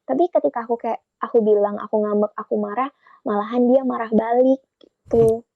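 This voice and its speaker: Casual young woman spilling a breakup story on a podcast, kinda high voice, dry close sound. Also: steady tone, brisk, creaky, no room sound, narrow, tinny audio. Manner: chatty, retells conversations with quoted dialogue. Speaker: guest sharing a relationship story.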